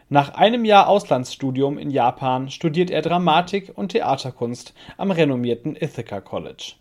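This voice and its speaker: Higher-pitched male host narrating. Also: darkish tone. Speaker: show host. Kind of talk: scripted narration, guest introduction.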